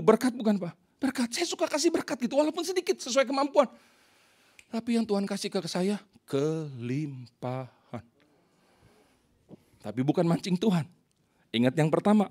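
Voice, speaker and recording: A man preaching a sermon to his church congregation, telling stories in a lively, animated way. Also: high-pitched, a little fast, breathy edge. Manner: animated storytelling, addressing the congregation. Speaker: pastor.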